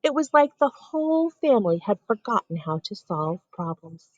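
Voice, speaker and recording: A teacher reading a picture book aloud at home to young children, asking them gentle questions and leading a breathing exercise. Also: female voice, mid-range voice, big pitch swings, normal speed, no echo, lo-fi sound.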